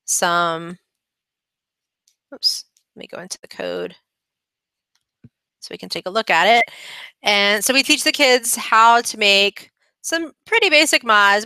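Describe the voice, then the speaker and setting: A woman's voice: mid-range voice, bright, forceful tone, smooth, no echo, rough recording. A woman teaching kids' coding, chatting her way through a screen-recorded tutorial in an upbeat manner with frequent ums. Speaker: kids' coding club instructor.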